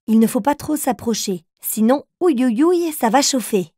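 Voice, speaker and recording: A woman narrates a toddlers' cartoon with gentle scripted delivery, patiently reading riddles and speaking directly to young children to encourage their guesses. Her fairly high voice is animated and warm at a normal pace, in a dry, studio-quality recording.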